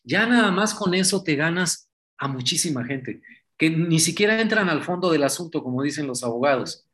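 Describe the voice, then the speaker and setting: A man talks politics in a loose, conversational way, his voice sitting a little high for a man. He keeps tossing in rhetorical questions as he builds his point. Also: expressive, normal speed, a bit bright. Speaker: political commentator. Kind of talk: casual political talk.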